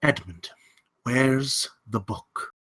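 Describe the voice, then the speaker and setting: A medium-pitched actor reads the part of a menacing but well-mannered gentleman villain during a table read. He spins his tale with deliberate, elaborate theatricality, carrying an air of quiet threat.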